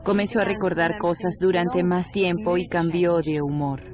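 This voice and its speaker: A woman's voice: fairly low pitch, steady tone, moderate pace, muffled recording, close to an everyday voice. A woman voicing a devoted middle-aged wife in a dubbed documentary interview, with music behind her. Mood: earnest, tender. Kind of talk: documentary interview voice-over dub.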